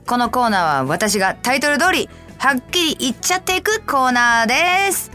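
A woman radio host from Kansai, speaking standard Japanese with a light Kansai accent, chatting casually and answering listener letters in a lively, playful way. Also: moderate pace, faint music behind. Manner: chatty, animated, jumps to high playful asides. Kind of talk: casual solo radio talk.

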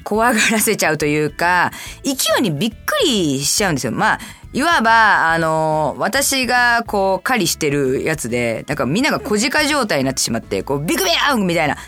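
Woman host from Kansai, light Kansai accent, casual solo radio talk, animated pitch leaps, faint music bed. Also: a little fast, few pauses. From Kansai, Japan. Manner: chatty, animated, jumps to high playful asides. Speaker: radio show host reading listener letters.

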